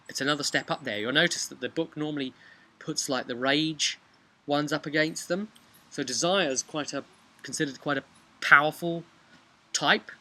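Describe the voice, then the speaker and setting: A man in his thirties, acting as game master, recounts a tabletop game in casual vlog-style storytelling, blending dramatic narration with offhand asides. His voice is a little high and bright with a forceful tone, recorded outdoors beside a brick house wall with clear outdoor background noise.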